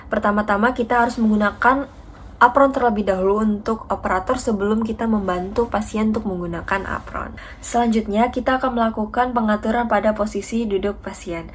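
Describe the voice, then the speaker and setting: In this instructional skills demonstration, a young woman studying dentistry explains a radiography procedure step by step in a polite, methodical, formal manner. Her voice sits in the mid-range, and there's slight hiss or hum.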